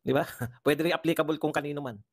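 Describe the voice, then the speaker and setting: A man's voice: on the high side, fairly even intonation, fast, no room sound, studio quality. A man doing livestream political commentary, talking in an impassioned way and firing off rhetorical questions. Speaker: political vlogger.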